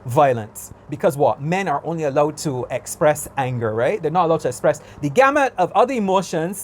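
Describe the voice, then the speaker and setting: A man's voice: a little high, darkish tone, a little hiss or hum. A man from Barbados with a Barbadian accent, ranting casually on his vlog, exasperated and emphatic, repeating his points. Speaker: vlogger. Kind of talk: casual rant.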